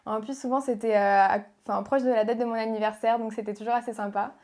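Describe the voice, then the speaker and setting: Soft hesitant young woman, warm dark tone, lots of ums, answering questions. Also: a little high, steady tone, quick pace. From Portugal. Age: young adult. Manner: hesitant, many fillers, soft-spoken. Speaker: guest, beauty pageant contestant. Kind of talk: interview answers.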